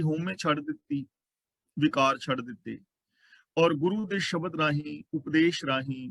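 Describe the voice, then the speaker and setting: A man expounds sacred verses in a slightly high voice. He first recites each line slowly, then explains its meaning in a calm teaching tone. The recording is close and dry, with no room sound. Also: dry recording, poor audio. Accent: Punjabi. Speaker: Sikh scripture teacher.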